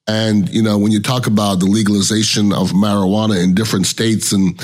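A middle-aged man talks alone as a podcast host in a fairly low voice. His delivery is casual and colloquial, with blunt, slangy phrasing. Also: little pitch movement, brisk, darkish tone. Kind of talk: casual solo podcast talk.

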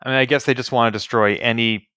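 A man's voice: mid-range voice, steady tone, fast talker, bright, forceful tone, smooth, no echo, studio quality. A man co-hosting a podcast in casual chat, opinionated and analytical as he picks apart an episode. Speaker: podcast co-host.

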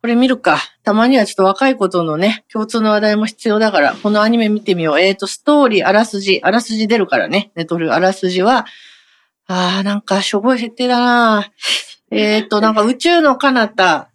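A woman's voice: medium pitch, fairly quick. A woman hosting a radio show, chatting casually and narrating a comic scene to herself. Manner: chatty, acts out quotes in a mumbled aside.

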